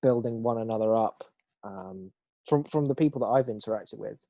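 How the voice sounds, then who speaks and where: A young British man with a British accent, co-hosting a podcast in casual chat, opinionated and quick to laugh and swear. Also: mid-range voice, creaky, no echo, lo-fi sound. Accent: British English. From Britain. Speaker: podcast co-host.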